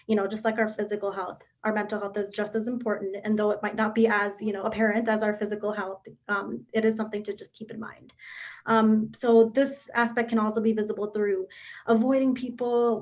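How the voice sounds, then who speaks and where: Earnest woman with a flat, even voice. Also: mid-range voice. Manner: earnest, repetitive, lots of "you know" fillers. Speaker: mental health presenter. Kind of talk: informational talk on a live video chat.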